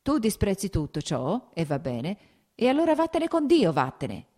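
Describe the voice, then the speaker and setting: A woman reading an audiobook, voicing an agitated, sickly radical man who declaims loudly and irritably. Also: fairly low pitch, animated, moderate pace, close to an everyday voice. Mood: furious. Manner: loud, heated, irritable declaiming.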